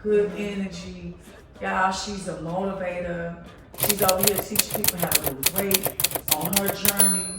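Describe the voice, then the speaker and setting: A woman's voice: medium pitch, fairly even intonation, unhurried. A woman over fifty, chatting casually with friends on a trip and gushing with praise. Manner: effusive, repeats herself, loud bursts. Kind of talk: casual chat. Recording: echoey room from far off.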